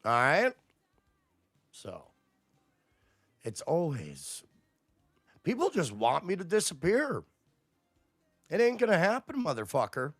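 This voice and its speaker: A man's voice: on the high side, huge pitch swings, slow, pauses often, fairly bright tone, breathy edge, no room sound, clean studio sound, faint music behind. A man hosting a livestream, ranting at his chat in a profane, combative way. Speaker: livestream host. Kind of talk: casual livestream rant to chat.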